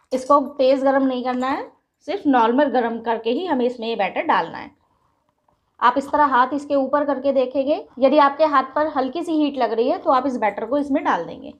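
The recording is muffled as a woman, her voice sitting high and her speed normal, explains a recipe step by step on her cooking channel. She's filming in her home kitchen with a gas stove. Patient and instructive, she talks to viewers as if they were friends.

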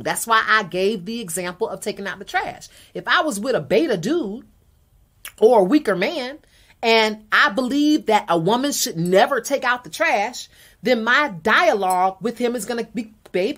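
Measured female podcast co-host. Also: a little high, lively intonation, a bit bright. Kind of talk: casual debate chat.

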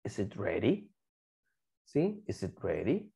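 A woman's voice: rumbling low, big pitch swings, gravelly, dark tone. Patient woman teaching English basics. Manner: patient, repeats example phrases slowly and asks the class questions. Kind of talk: online class teaching English grammar to kids.

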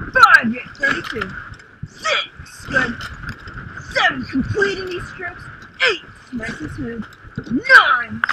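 Young woman coxswain barking stroke calls. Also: extremely high pitch. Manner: clipped, rhythmic stroke calls, rising to urgent shouting on power pushes. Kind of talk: coxswain calling commands through the boat speaker during a race piece. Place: outdoors on the water in a rowing shell. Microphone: coxswain headset mic. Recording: noisy outdoor coxswain headset recording.

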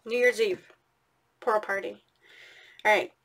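Unhurried and fairly bright, the art channel host's mid-range voice carries a casual giveaway announcement aimed directly at "you guys." She sits at an indoor craft table, filmed from overhead.

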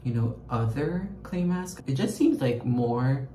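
A young man whose first language is French vlogs his trip, chatting casually and poking fun at himself to a phone camera held at arm's length. He's chatty and rambling with plenty of fillers, in an expressive, warm, medium-pitched voice at a measured pace. A little hiss or hum is audible as he moves from a hotel room and bathroom to a night street market.

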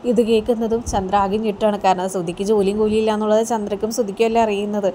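Fast-talking woman recapping a TV serial. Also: slight background noise. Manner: animated, raises her pitch when quoting characters; conversational fillers, asks listener "you hear?". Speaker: serial episode recap host. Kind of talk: casual storytelling recap.

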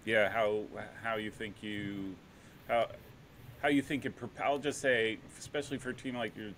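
Halting middle-aged male podcast host. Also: lowish voice, steady tone, fairly bright tone, a little hiss or hum, rough recording. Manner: halting, many ums and restarts. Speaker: interview host, soccer coach. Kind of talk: video call interview. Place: home room. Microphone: headset with studio mic.

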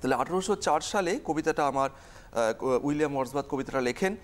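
A woman's voice: low voice, fast. Methodical female teacher on TV. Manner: explains step by step, repeats key terms, mixes in English. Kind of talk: televised exam-prep lesson.

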